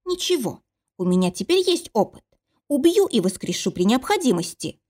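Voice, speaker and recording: A fiery young heroine in an audiobook fantasy romance, put on by a woman narrator. Her voice climbs high and sharp with emotion. She bursts out in overwrought cries. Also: sing-song, normal speed. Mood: sullen, wry. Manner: emotional outbursts, high pitched. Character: young woman, fiery, scared then furious.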